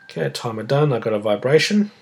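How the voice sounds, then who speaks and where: A man with a slightly husky voice giving a casual, unhurried step-by-step tutorial, explaining each action as he goes. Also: mid-range voice, big pitch swings, background noise. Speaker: tutorial presenter. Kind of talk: step-by-step spoken demonstration, casual.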